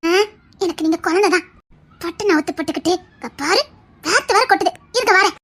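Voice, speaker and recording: This web series drama features a woman as Anandhi, a young, fussy lover who scolds him tenderly and dotes on him, speaking in Tirunelveli Tamil. She talks fast in an extremely high pitch with a fairly bright tone.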